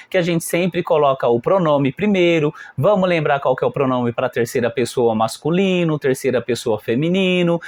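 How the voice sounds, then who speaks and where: A man with a fairly high voice walks fellow teachers through a lesson plan. He speaks his native Portuguese and models drills, drawing out the phrases slowly for repetition between quicker explanations. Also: dry recording. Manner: models classroom dialogue, alternating slow drilled phrases and quick asides.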